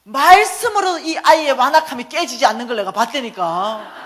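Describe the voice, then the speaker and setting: Middle-aged woman preacher, Gyeongsang accent, lively storyteller with a higher voice that leaps around. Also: normal speed, slight background noise. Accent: Gyeongsang Korean. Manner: animated, acts out dialogue. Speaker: church lecturer. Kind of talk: storytelling sermon lecture.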